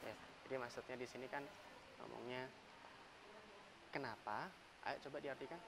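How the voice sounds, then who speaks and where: A man's voice: mid-range voice, steady tone, normal speed, vocal fry. Male teacher with an Indonesian accent, coaxing. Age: young adult. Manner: mixes Indonesian and English, coaxing questions. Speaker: English teacher. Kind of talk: classroom teaching. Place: classroom. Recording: noisy classroom recording.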